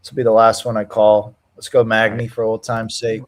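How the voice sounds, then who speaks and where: A man's voice: fairly low pitch, completely flat delivery, brisk. A man hosting a casual live stream, chatting, thanking donors and reacting to fights. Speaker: stream host.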